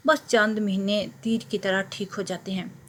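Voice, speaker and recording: A woman's voice: medium pitch, flat delivery, measured pace, fairly bright tone, a little hiss or hum, lightly acted. A woman voicing a stern sixty-year-old cleric.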